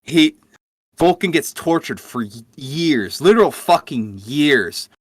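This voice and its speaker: A man's voice: on the high side, expressive, takes it slowly, no echo, studio quality. A man co-hosting a podcast, telling game lore in a profane, enthusiastic casual chat. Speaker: podcast co-host.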